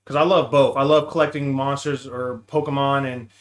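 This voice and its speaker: This man has a mid-range voice with little pitch movement and speaks at a moderate pace. As a podcast guest he chats casually about games, full of slang, and keeps calling the other speaker bro and dude.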